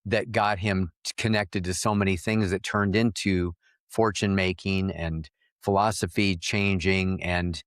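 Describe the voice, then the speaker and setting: A man's voice: sits low, fairly even intonation, unhurried, dry recording, clean studio sound. A man who is a marketing coach, speaking earnestly and reflectively as a podcast guest. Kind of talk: casual interview chat.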